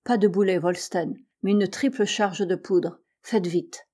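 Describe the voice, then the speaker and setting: A woman's voice: mid-range voice, fairly even intonation, measured pace, mellow, close to an everyday voice. A woman reading aloud and voicing a stern male ship captain who gives curt, clipped orders. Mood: commanding.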